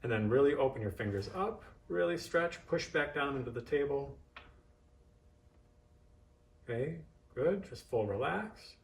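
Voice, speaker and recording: A man teaches in a casual, practical way, thinking aloud and giving short, simple cues. His voice sits at a middle pitch. It is picked up at some distance in an echoey room. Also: lively intonation, moderate pace, creaky. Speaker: massage therapist and instructor. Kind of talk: casual hands-on demonstration, instructing.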